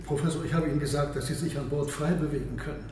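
An actor playing a proud, world-weary submarine captain in a radio play, speaking formally and with grand declamation. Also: male voice, a little high, steady tone, fast, darkish tone, lightly acted. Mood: proud, courteous. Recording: echoey room, background noise.

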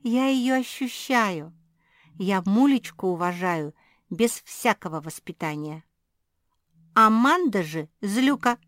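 A woman's voice: medium pitch, animated, slow pace, fairly bright tone, no room sound, studio quality, pitched above the performer's own voice. A woman voicing a young, earnest female pug puppy in an audiobook, telling her side eagerly.

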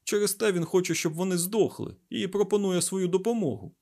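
Guy reading as an agitated scientist, yelling high and fast, urgent. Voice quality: loud, raised, breathless urgency. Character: agitated burly male scientist, shouting and urgent. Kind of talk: audiobook character voice.

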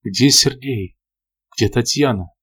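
A man reading an audiobook, voicing a cruel, scornful vampire lord who speaks slowly and emphatically. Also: medium pitch. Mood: menacing. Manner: hoarse, slow and emphatic.

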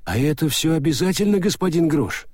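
A man's voice: on the high side, animated, a little fast, a little mellow, no echo, studio quality, pitched above the performer's own voice. A man voicing a nervous, wry young con man asking anxious questions.

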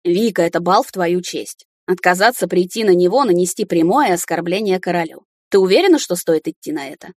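A man's voice: high voice, lively intonation, a little fast, hardly any pauses, no echo, studio quality. A woman voicing a jealous, sulky young male mage who talks in a reproachful, brooding way. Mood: persuasive.

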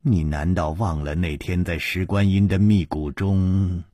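A cold male schemer, as a storyteller puts him on, sneers in low, husky tones. His speech is slow and dry. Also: steady tone, dark tone, dry recording. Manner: cold sneers turning halting.

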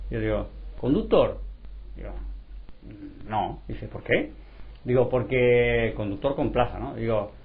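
A man, a street sweeper, talking in a casual group discussion and telling animated stories, acting out the dialogue. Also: mid-range voice. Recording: lo-fi recording.

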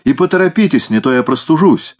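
A man's voice: mid-range voice, lively intonation, brisk, darkish tone, pitched above the performer's own voice, close to an everyday voice. A man reading an audiobook, voicing an irritable male cat stuck down a drain who snaps at everyone around him. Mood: grumbling. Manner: irritable, snapping. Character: gruff grumpy male cat stuck in a sewer.

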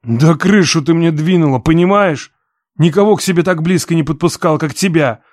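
A woman voicing a rough, angry young man who is drunk, speaking in a low, hoarse, demanding voice for an audiobook. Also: animated, normal speed, darkish tone, dry recording, clean studio sound, heavily acted. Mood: angry pleading. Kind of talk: audiobook reading.

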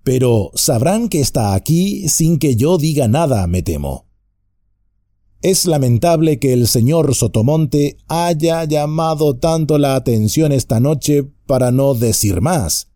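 A man's voice: medium pitch, lively intonation, slow, dark tone, dry recording, clean studio sound, voice pushed up. A man voicing a nervous, fussy, stout male innkeeper who talks anxiously and at length. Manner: flustered, anxious, talkative.

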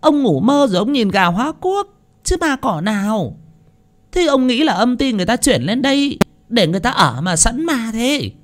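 A man voicing a sharp-tongued, scolding landlord's wife. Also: extremely high pitch, very animated, moderate pace, voice pushed up. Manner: scolding, snappish.

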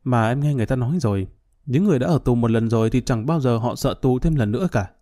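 A man's voice: mid-range voice, animated, fast talker, warm tone, no echo, close to an everyday voice. A man reading as a frightened young wife. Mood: anxious. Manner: worried, pleading.

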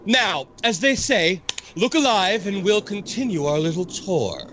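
Man voicing a drawling sinister ghost host, slow, swooping, theatrical cackler. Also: high voice, expressive, a bit bright, slight background noise. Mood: mocking. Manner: drawling, gloating, with cackling laughs. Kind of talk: amateur reenactment of a ride narration.

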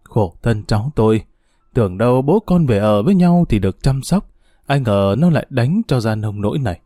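A man's voice: mid-range voice, lively intonation, normal speed, warm tone, no room sound, clean studio sound, lightly acted. A man voicing a frail, sick old grandmother who scolds and grieves between coughs. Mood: grieving.

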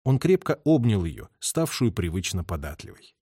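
A man's voice: sits low, very animated, moderate pace, warm tone, husky, no echo. A man reading a novel aloud as a narrator, telling the story expressively into a close mic. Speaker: audiobook reader. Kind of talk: literary narration.

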